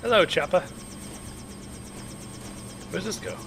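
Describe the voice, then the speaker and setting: A man's voice: high voice, wildly swooping pitch, unhurried, fairly bright tone, slight background noise. A man streaming a video game, making joking, sarcastic asides as he plays. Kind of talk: live game commentary.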